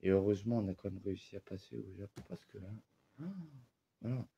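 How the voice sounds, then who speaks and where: A man's voice: sits low, flat delivery, fast talker, vocal fry, warm tone, dull audio. Rambling casual male vlogger. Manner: rambling, heavy fillers and slang. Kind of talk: casual unboxing vlog.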